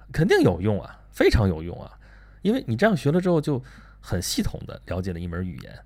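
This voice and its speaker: A man hosting a casual talk, animated and chatty, asking himself rhetorical questions. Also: mid-range voice. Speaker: podcast host. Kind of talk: casual monologue on learning and reading.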